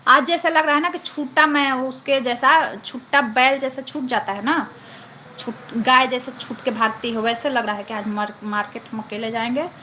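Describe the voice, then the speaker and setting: A woman's voice: high-pitched, fairly even intonation, normal speed, bright, forceful tone, slight background noise. A woman hosting a casual live stream from home on a phone camera, chatting and thanking viewers one by one.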